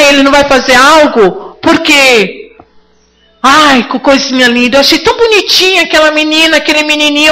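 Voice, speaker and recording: A woman's voice: sits high, sharp tone, low-quality recording. A woman preaching a sermon to her congregation, fervent and rising now and then to cries.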